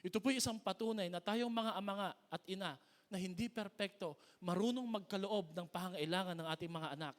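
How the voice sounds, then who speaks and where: A man's voice: sits high, fairly quick. A middle-aged Filipino man preaching a sermon as pastor, mixing Tagalog and English with emphatic calls to the congregation. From Philippines. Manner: switches between Tagalog and English, with emphatic call-and-response. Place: church hall.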